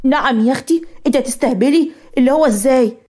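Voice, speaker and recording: Woman doing a shrill, fussing Egyptian mom. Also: fast, dark tone. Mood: scolding. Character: worried, scolding Egyptian mother.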